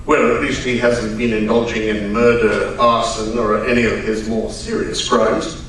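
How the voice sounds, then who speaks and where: A man playing Doctor Watson, a genial, old-fashioned Victorian gentleman doctor, in live old-time radio drama style. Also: on the low side, level tone, normal speed, natural voice. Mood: surprised, mild. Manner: old-fashioned, gentlemanly, exclamatory turns of phrase. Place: live performance at a radio club event. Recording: roomy, distant live stage recording with hiss.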